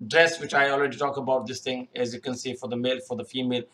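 This young male career-tips YouTuber talks rapid-fire in a level, mid-range voice with a slightly bright edge. His unscripted screen-share tutorial is loose and rambling, full of fillers, restarts, and repetition. Audio is picked up by a webcam in a small room, shown in the corner of the screen recording.

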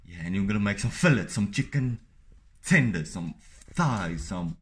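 A man's voice: fairly low pitch, animated, moderate pace, fairly bright tone. A young man chatting casually to his phone camera at home and in the gym, joking, swearing and complaining. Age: young adult. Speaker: fitness vlogger. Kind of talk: casual vlog chat to camera.

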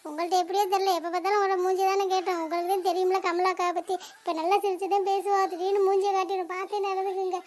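A woman's voice: very high-pitched, level tone, fast talker, few pauses. A woman voicing a chatty, gossiping middle-aged neighbor in a cartoon. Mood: gossipy. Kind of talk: cartoon voice acting.

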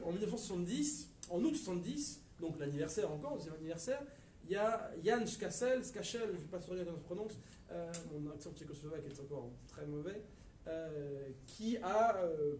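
A man with a French accent giving a history lecture to a live audience, lively and digressive, with hesitations and asides to the listeners. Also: high-pitched, a little hiss or hum. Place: lecture room at a university research center. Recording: echoey lecture room from far off, faint ambience.

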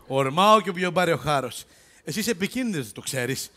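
A man's voice: fairly high pitch, animated, background noise, close to an everyday voice. A man playing a mocking police instructor. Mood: scolding. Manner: mocking, scolding, ad-libs at fellow actors. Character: bossy male police self-defence instructor. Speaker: comic actor and sketch lead. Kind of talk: live stage comedy sketch. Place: open-air theatre stage.

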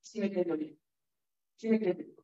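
A woman's voice: on the low side, a little slow, mellow. Chatty Mexican woman giving a workshop lecture. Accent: Mexican Spanish. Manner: chatty, tags questions with "¿no?", digresses into stories. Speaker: workshop instructor and lawyer. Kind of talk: informal lecture with anecdotes. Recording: dull lo-fi recording.

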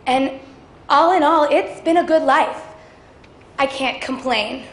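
A woman's voice: sits high, slow pace. A woman performing a stage monologue as a long-suffering baseball player's wife, talking in a wistful, confiding way. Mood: reflective. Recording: echoey auditorium, faint ambience.

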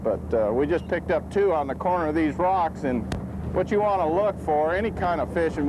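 A middle-aged man, chatting casually while fishing from an open boat. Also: on the high side. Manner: laid-back, drawling, chuckles often. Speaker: fishing guide. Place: open boat on a bay, outdoors. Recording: windy outdoor boat noise.

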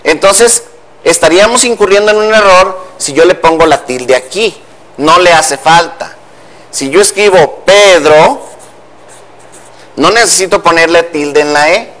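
A man's voice: high-pitched, a little slow, fairly bright tone. A man from Mexico, a language commentator on a TV news show, patiently explaining spelling rules step by step in a studio.

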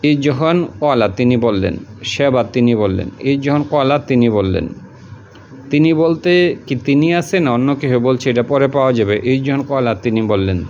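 A man's voice: medium pitch, a little slow, a little mellow, a little hiss or hum. A patient male teacher, lo-fi recording. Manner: repeats each word and its meaning patiently, colloquial. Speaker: Quran translation teacher. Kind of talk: word-by-word translation lesson.

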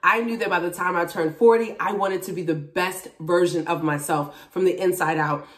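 A female vlogger and TV and radio personality, around forty, chats casually to camera about her personal journey. Her lowish voice comes at a moderate pace, frank, expressive and emphatic. Filmed in a small room at home with the camera a few feet off, the sound is roomy and distant.

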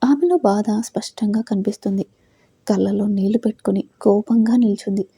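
A woman narrating a romantic audio story in an expressive, dramatic storytelling manner. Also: medium pitch, fairly quick, breathy edge, no echo.

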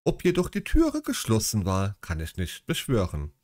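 A man's voice: fairly low pitch, wildly swooping pitch, moderate pace, darkish tone. A man reading a classic detective story aloud, breaking in with mocking asides. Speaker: audiobook reader.

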